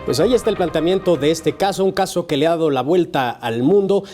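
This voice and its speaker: A man's voice: on the high side, a little fast, over music. A man presenting a current affairs panel show in a formal television style, as its host.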